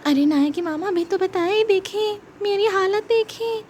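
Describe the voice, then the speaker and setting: Woman playing a high, whiny child doll, overdramatic, puppet show. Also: normal speed, a little mellow, a little hiss or hum. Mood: wailing. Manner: wailing, overdramatic pleading. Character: panicky little girl doll, whiny and dramatic.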